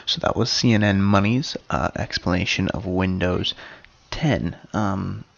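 A man's voice: sits low, a little slow, vocal fry, lo-fi sound. A man hosting his own show, talking casually and hesitantly with fillers. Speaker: podcast host.

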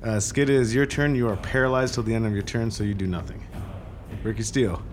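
A man's voice: on the low side, steady tone, fast talker, slight background noise. A man narrating and refereeing a tabletop role-playing game as game master.

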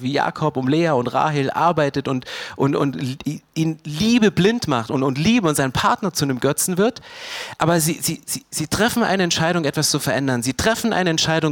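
A man preaching a sermon as pastor, animated, swinging between loud emphatic bursts and quiet low asides. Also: no room sound.

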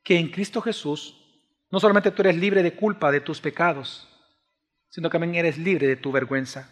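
A man preaching a sermon, swinging between hushed pleading and raised, emphatic preaching. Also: fairly high pitch, normal speed. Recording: long reverb of a large hall.

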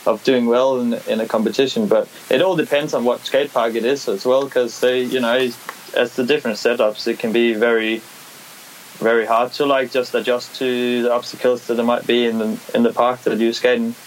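In a brisk, level, mid-range voice, a young Danish skateboarder and competition winner speaks casually in an interview, his Danish accent clear. He is hesitant, full of fillers and restarts, and the low-quality recording has a faint hiss.

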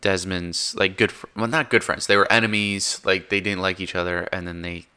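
Deep-voiced rambling young man. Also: steady tone, normal speed, sharp tone, smooth. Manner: rambling, self-correcting, frank. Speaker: film recapper. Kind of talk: casual movie retelling.

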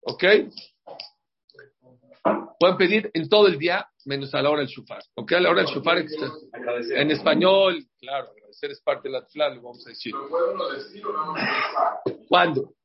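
A man leads a religious class for a group ahead of a holiday, emphatic, repeating words and often checking in with "ok?" His voice is fairly high and slightly rough, at normal speed with frequent pauses. The recording is dull and lo-fi.

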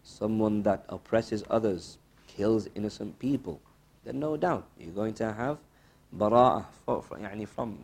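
A man giving a religious lesson as a teacher, didactic and questioning, repeating key phrases with pauses and mixing Arabic quotations into English. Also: fairly low pitch, a little mellow. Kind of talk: religious lesson, quizzing listeners and explaining.

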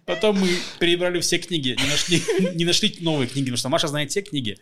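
A man's voice: fairly high pitch, fast talker, very noisy. A man in his thirties co-hosting a podcast in casual chat, rambling through a story and laughing often. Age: 30s. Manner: rambling, laughs a lot, uses fillers like "вот". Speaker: podcast co-host.

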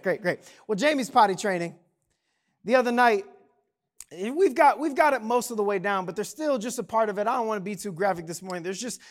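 Casual storytelling pastor, man. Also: sits high. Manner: storytelling, conversational with slang and quoted kids' voices. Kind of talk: sermon. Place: church sanctuary.

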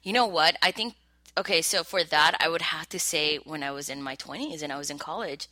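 A woman in her thirties co-hosting a casual podcast. Her voice is low but bright, and she talks in a chatty, bashful way full of fillers. The sound is dry and close. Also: brisk, no echo. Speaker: podcast co-host. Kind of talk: casual chat.

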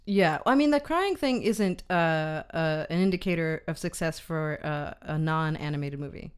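Woman, film podcast co-host, casual chat, hesitant with fillers, smooth clear voice. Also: low-pitched, moderate pace. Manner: hesitant, many fillers and restarts.

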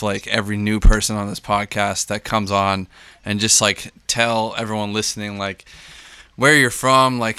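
A man's voice: fairly low pitch, pushed and bright, smooth, no room sound. Laid-back young man hosting a podcast. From Boston area, US. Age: 20s. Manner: laid-back, loose, lots of fillers and swearing. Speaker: podcast host, beat producer. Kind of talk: casual podcast chat.

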